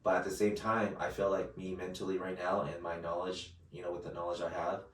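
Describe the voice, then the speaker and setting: A man's voice: sits low, completely flat delivery, a little fast, recorded from a distance. A man in his late twenties co-hosting a casual podcast chat, rambling with many restarts and fillers. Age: late 20s. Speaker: podcast co-host. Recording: roomy sound, mic set back.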